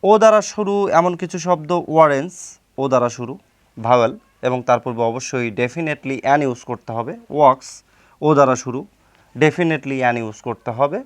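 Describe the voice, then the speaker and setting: A man's voice: medium pitch, brisk. A man with a Bangladeshi Bengali accent teaching English grammar, explaining rules through examples, asking himself questions and answering them, and spelling words out letter by letter.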